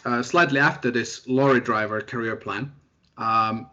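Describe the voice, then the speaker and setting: A young man from Finland, a postdoctoral researcher telling his story in a relaxed, self-deprecating way as an interview guest. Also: mid-range voice, moderate pace. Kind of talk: casual interview chat. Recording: dull lo-fi audio.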